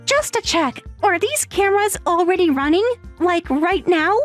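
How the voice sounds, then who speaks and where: A woman voicing a panicked, entitled young wife in a dramatized text story, pleading and shrill. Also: expressive, normal speed, soft background music.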